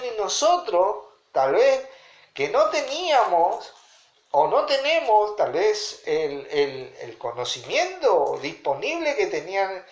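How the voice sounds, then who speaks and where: A man's voice: high-pitched, dull audio. A man, teaching a Bible study and checking in with his listeners often. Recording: roomy echo.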